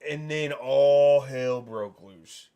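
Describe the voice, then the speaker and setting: A middle-aged man talks in an unhurried, drawn-out way as he tells a rowdy family story on a stream. He slips into other people's voices and breaks into laughs along the way. His pitch sits in an ordinary middle range. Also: clear, resonant tone, dull audio. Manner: animated storyteller, mimics voices, laughs often. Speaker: streamer host. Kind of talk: casual storytelling chat.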